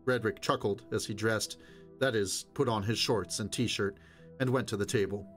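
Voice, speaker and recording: A man narrating a novel in a steady, measured reading voice. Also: on the low side, faint music behind. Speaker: audiobook reader.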